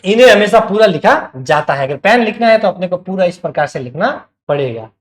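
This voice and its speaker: A man's voice: high-pitched, animated, fairly quick, roomy sound. A male teacher giving an online class, explaining step by step and checking that students follow.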